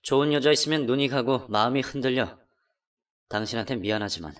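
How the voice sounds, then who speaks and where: A man playing a middle-aged husband caught cheating, speaking in a low, subdued, apologetic way in a radio drama. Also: brisk, a bit bright, recorded from a distance, close to an everyday voice. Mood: guilty pleading.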